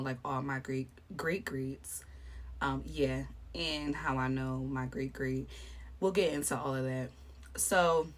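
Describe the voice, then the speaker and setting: Woman in her 30s, vlogger, low voice, chatty and rambling, storytelling while doing makeup. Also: fairly bright tone. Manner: chatty, rambling, many fillers. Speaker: beauty vlogger.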